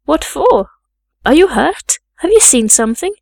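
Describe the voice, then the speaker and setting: A woman reader plays a concerned nursemaid in a classic story. She speaks urgently and questioningly at a raised pitch. The recording is close and dry. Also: big pitch swings, a little slow, vocal fry, a little mellow, no room sound, full character voice.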